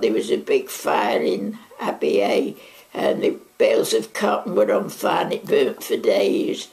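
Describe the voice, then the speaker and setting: A Mancunian woman in her nineties from Manchester, with a creaky, darkish, mid-range voice. Interviewed for an oral history in her living room, she reminisces about wartime in a chatty, rambling way peppered with asides.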